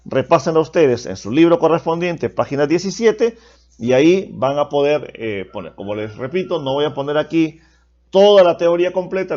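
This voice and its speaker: A male teacher gives a lecture in a slightly high voice, explaining step by step. He keeps checking in with rhetorical questions. The recording sounds dull and lo-fi. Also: a little mellow. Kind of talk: classroom lecture.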